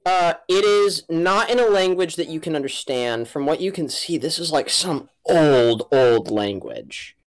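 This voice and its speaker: A woman's voice: deep voice, lively intonation, rough recording. Conversational woman running a tabletop game. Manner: halting, conversational, thinks aloud. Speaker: game master. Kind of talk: casual tabletop game narration.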